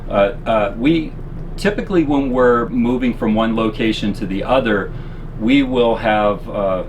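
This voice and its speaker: A man's voice: medium pitch, a little slow, lo-fi sound. A man giving a casual, folksy, explanatory product demonstration inside a small RV. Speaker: presenter of RV living gear tips. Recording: constant air-conditioner-like background noise.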